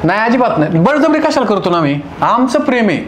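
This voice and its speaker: A man as a defiant young groom, fast insistent talk, echoey room, music behind. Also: high-pitched, very animated, slight background noise. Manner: insistent, argumentative.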